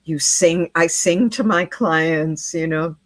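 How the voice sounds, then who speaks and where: Middle-aged woman guest, low and slow-paced, earnest storyteller, dry close mic. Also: dry recording. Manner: earnest, repeats words while telling a story. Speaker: interview guest, midwife. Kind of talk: storytelling in a podcast interview.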